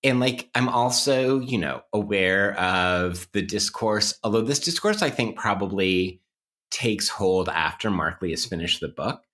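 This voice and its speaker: A podcast co-host talks through ideas analytically and conversationally, hedging with lots of qualifications in an academic manner. His lowish, fairly bright voice sounds animated yet a little slow.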